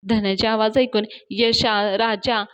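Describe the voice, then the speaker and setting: A woman with a fairly high voice retells the latest TV serial episode for her channel. She tells it scene by scene in a chatty way and turns to her viewers now and then. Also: fairly even intonation, slow, smooth. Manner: chatty storytelling, addresses viewers directly. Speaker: TV serial reviewer.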